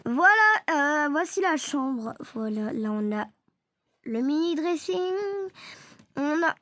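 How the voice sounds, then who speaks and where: A woman's voice: high voice, lively intonation, slow, a bit bright, no room sound. A young woman giving casual gameplay commentary, stammering, apologizing and often dropping into whispers. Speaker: gaming video creator.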